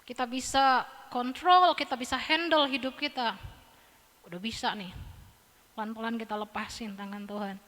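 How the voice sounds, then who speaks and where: A woman preacher giving a lively, humorous sermon in a church, acting out little scenes. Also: fairly high pitch, moderate pace, long pauses. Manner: animated, humorous, acts out voices. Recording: church hall reverb.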